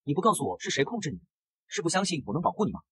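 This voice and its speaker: A man reading as a proud young vampire prince from a comic, curt and stern, breathy husky voice, rapid delivery, dry close sound. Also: a little high, big pitch swings, fairly bright tone, no room sound, full character voice. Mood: cold.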